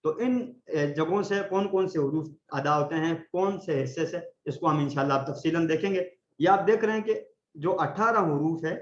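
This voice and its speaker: A man teaching Quran recitation in an online class, patiently explaining and slowly demonstrating letter sounds for his students to repeat. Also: on the high side, echoey room, muffled recording, a little hiss or hum.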